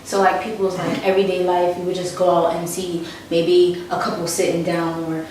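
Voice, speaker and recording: A woman's voice: lowish voice, monotone, moderate pace, darkish tone. Lady interviewer asking follow-ups, lots of mm-hmms, echoey room, slight hiss. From not Philadelphia. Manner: encouraging, frequent backchannel. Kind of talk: casual interview. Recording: echoey room, mic at a distance.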